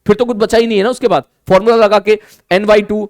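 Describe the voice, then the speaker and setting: A male teacher giving an online maths lesson in a lively way, slowing down to spell out terms and answering his own questions in his students' voices. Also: high-pitched, no echo, clean studio sound.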